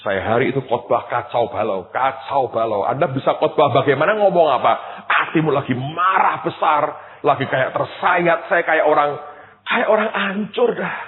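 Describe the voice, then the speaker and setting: A male pastor preaching a sermon, telling a personal story with lively quoted voices and addressing the congregation directly. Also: medium pitch, slight background noise. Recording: tinny phone-like sound with long hall reverb.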